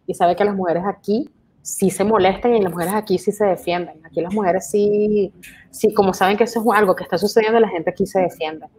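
A young Venezuelan woman co-hosts a relaxed podcast, telling her stories with animation. She acts out what people said to her, with a middle-pitched voice. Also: brisk, slight background noise, low-quality recording. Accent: Venezuelan Spanish. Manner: animated storytelling, acts out quoted lines. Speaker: podcast co-host. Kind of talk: casual chat.

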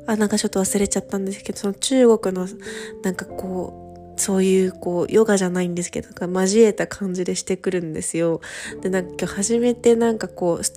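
A woman in her thirties hosting a casual solo radio chat, chatty with many fillers and a light lilt. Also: mid-range voice. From Japan. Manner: chatty, many fillers, soft laughing asides. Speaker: podcast host, study-abroad coordinator. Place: home in Paris.

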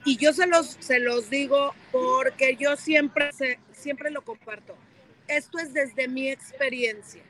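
Lady on a podcast panel, high voice, emphatic, repeats herself, bit of faint hiss. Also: slow, fairly bright tone, low-quality recording. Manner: emphatic, repeats key words. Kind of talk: casual podcast panel talk.

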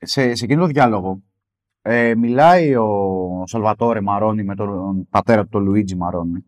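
A man co-hosting a casual film discussion podcast, hesitant, with many fillers and lively jumps in pitch. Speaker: podcast co-host.

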